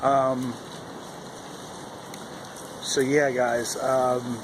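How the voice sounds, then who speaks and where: Male vlogger, mid-pitched, rambling casual talk, recorded outside with clear wind noise over a handheld camera. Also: flat delivery, very slow. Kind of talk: casual vlog chat to camera. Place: outdoors in the cold wind. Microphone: handheld camera at arm's length. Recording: windy outdoor recording, loud wind noise. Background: howling wind noise.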